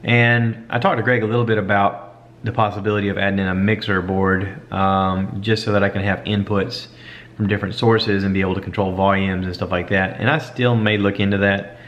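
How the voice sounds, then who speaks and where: A man's voice: lowish voice, level tone, fairly quick, a bit bright. A man vlogging in a casual, rambling, self-deprecating way, like an informal podcaster talking to viewers. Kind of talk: casual chat, stream of consciousness. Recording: dull lo-fi camera audio, light background noise.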